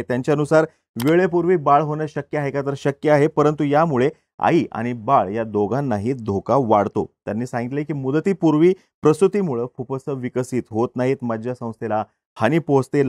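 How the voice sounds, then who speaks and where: A man's voice: medium pitch, a little mellow, no echo, clean studio sound. A man hosting a news explainer, speaking steadily with occasional hesitation fillers.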